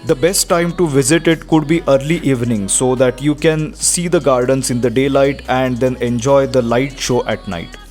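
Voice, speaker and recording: A man's voice: medium pitch, fairly even intonation, moderate pace, few pauses, a little mellow. A man with an Indian accent narrating a travel vlog from a script. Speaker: travel vlogger. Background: music.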